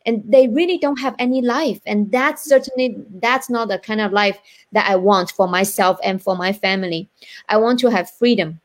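A woman's voice: mid-range voice, normal speed. A woman from China with a Chinese accent, speaking earnestly as a guest entrepreneur on a live online interview show, often checking in with "right?".

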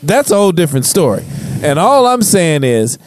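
A man's voice: a little high, very animated, fairly quick, slight background noise. A man in a casual chat, arguing and challenging the others with profane, pushy questions.

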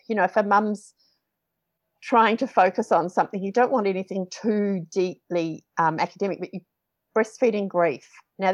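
A woman hosting a podcast interview in a chatty, informal, encouraging way, on slightly lo-fi audio. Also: mid-range voice. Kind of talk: casual conversational interview.

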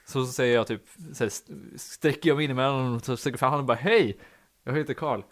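Young male podcast host, rambling anecdote, fillers galore, mid-range voice. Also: mid-range voice. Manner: rambling, filler-heavy, laughs at own story. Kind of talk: casual anecdote telling.

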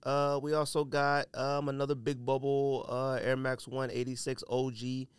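This man's medium-pitched, clean voice holds a level tone at a moderate pace, with no echo. As a podcast host feeling unwell, he coughs and sneezes through casual, emphatic, opinionated commentary, often repeating himself to make a point.

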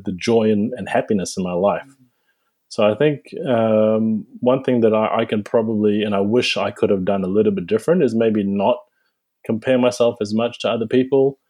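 A man in his forties from New Zealand, a guest dentist answering interview questions in a reflective, halting way with frequent restarts. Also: on the low side, dark tone, slightly rough.

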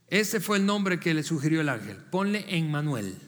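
High-voiced man preaching in a reverberant hall. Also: very animated, a little fast, a bit bright. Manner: conversational, asks the congregation direct questions; frequent restarts and repeated words. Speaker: pastor. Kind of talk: sermon.

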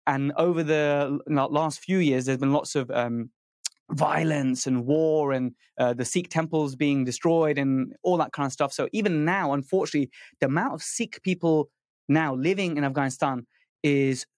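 Brief: thirties man, slightly high voice, chatty podcast guest, dry close mic. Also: normal speed, darkish tone, no room sound. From United Kingdom. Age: 30s. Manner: fluent, many fillers and restarts. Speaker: dentist and podcast host, guest here. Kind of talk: casual podcast conversation.

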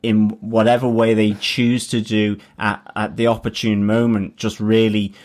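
A man's voice: lowish voice, flat delivery, normal speed, a little mellow. A man, co-hosting a casual chat and working through his thoughts with many restarts. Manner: hesitant, restarts often, thoughtful. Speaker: podcast co-host.

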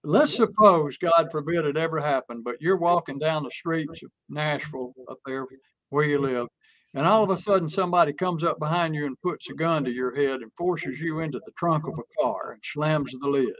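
A man talks through a point in a relaxed, folksy way, building little stories and acting out lines to make it land. His voice sits a little high, and the recording is close and dry with almost no room sound. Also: moderate pace, no room sound. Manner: folksy, illustrates with stories and acted examples. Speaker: sales and persuasion speaker. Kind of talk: conversational teaching chat.

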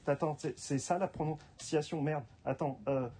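Brief: male co-host, warm mellow tone, halting delivery that searches for words. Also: a little high, steady tone, a little hiss or hum. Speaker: podcast co-host and screenwriting teacher. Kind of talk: casual chat.

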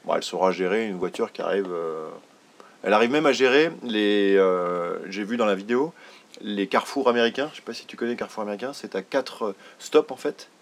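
Fast-talking, excitable French podcast host. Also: male voice, fairly low pitch. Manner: excitable, rambling, swears when teased. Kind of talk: casual chat.

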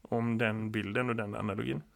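A man who teaches, co-hosting a podcast in relaxed chat, laughing often and filling pauses with "eh". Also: lowish voice, creaky. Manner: chatty, laughs often, many fillers.

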